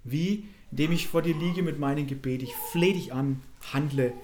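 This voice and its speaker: A man preaching a sermon, swinging between loud fervent calls and quiet intimate asides, acting out voices as he preaches. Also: fairly high pitch, normal speed, slight background noise. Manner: acts out quoted voices in his preaching.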